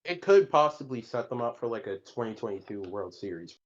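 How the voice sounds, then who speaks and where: A man's voice: medium pitch, big pitch swings, fairly quick. A man on a panel giving short, plain opinions in casual talk. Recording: dull lo-fi mic.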